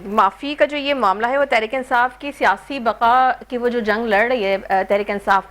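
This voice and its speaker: A woman's voice: a little high, moderate pace, a bit bright. A woman anchoring a political talk show, asking pointed questions and humming along as guests speak. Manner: pointed questioning, frequent hums of assent. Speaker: news anchor.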